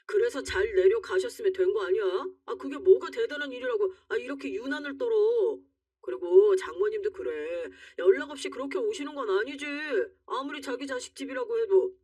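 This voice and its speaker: A woman's voice: mid-range voice, brisk, few pauses, warm tone, no echo, close to an everyday voice. Quarrelsome, sneering husband read by a woman narrator; dry, distant recording. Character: scornful selfish young-adult husband.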